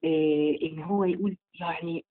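A woman with an Egyptian Arabic accent giving a live online religious lesson. She talks rapidly and emphatically and slows down to recite scripture. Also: lowish voice, steady tone, breathy edge. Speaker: religious teacher. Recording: tinny phone-like audio.

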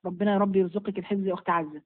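A woman with an Egyptian Arabic accent speaks rapid-fire at a medium pitch with fairly even intonation. She is a religious teacher taking viewers' questions in a live session, firm yet motherly, and she blesses each asker by name. The sound is narrow and phone-like.

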